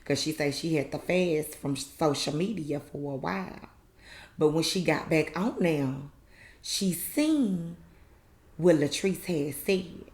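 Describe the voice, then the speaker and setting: A woman's voice: deep voice, animated, takes it slowly, darkish tone. A woman host giving a casual, chatty recap review of a reality show in a colloquial, filler-heavy way. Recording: echoey room.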